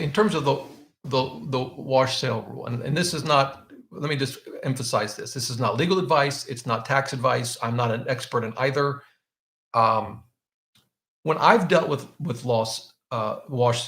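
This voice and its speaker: This finance channel host has a gravelly, medium-pitched voice with a fairly bright tone, and the sound is roomy. Hosting a live Q&A stream for viewers, he explains his choices casually, often restarting sentences as he thinks aloud.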